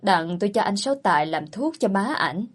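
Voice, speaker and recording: A woman voicing a naive, eager young rural wife who speaks softly and politely in a storybook reading. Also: mid-range voice, animated, brisk, close to an everyday voice.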